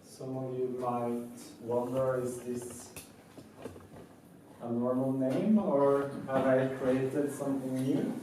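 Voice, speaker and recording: A man in his thirties from Norway speaks slowly and methodically to a live audience. His voice sits in the middle range for a man. It comes from a distance in a very echoey room, with a faint hum behind it. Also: medium pitch, mellow. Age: 30s. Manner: measured, methodical, with pauses. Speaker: speaker presenting his company. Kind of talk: prepared talk to a live audience.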